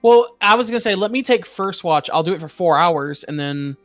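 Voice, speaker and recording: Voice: mid-range voice, animated, brisk, faint music behind. A player in a tabletop game, talking in an easygoing, agreeable way that trails off. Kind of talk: casual tabletop game chat.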